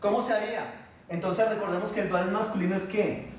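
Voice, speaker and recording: Guy teaching a class, highish voice, sounds far from the mic in a big echoey room, faint room hum. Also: steady tone, brisk. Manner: patient, asks the class questions, many filler "ah". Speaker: Biblical Hebrew teacher. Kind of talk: classroom lesson.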